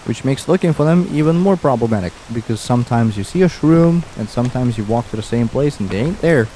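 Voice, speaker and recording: A man's voice: mid-range voice, mellow, a little hiss or hum. A young man streaming a game, rambling and musing aloud with easy chuckles as he plays. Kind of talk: casual gameplay commentary.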